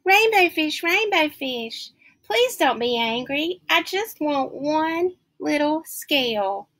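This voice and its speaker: Little boy fish begging, way up high, a woman puts him on. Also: expressive, takes it slowly, a bit bright, exaggerated voice. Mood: pleading. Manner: eager, pleading. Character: small pleading young male fish.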